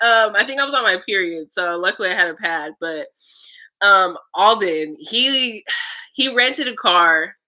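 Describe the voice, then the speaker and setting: A woman's voice: mid-range voice, sharp tone. A young woman telling casual stories in a vlog, chatty and frank, swearing and laughing often. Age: young adult. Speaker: vlogger.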